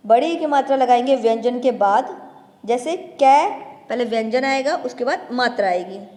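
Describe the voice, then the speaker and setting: A woman teaching a grade-one grammar lesson, talking to children and slowly spelling out syllables, stretching the long vowels. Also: a little high, a little mellow, big-room sound. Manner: addresses children directly, patient explaining tone.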